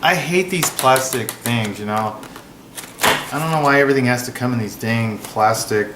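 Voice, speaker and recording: In an echoey room with clear background noise, a product review video host gives a casual, rambling hands-on review. His mid-range voice moves at a moderate pace, and his way of talking is informal and offhand.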